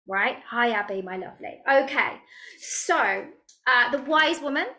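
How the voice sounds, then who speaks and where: A middle-aged woman coach teaching a casual online workshop, chatty and animated, with lots of fillers and frequent laughs. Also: fairly high pitch, unhurried.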